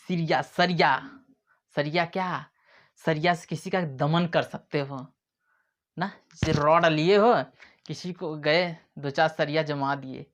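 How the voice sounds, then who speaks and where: A man's voice: fairly high pitch, fairly bright tone. A man teaching memory tricks in a playful way, acting out little scenes as he explains. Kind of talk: mnemonic lesson to camera. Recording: dull lo-fi sound.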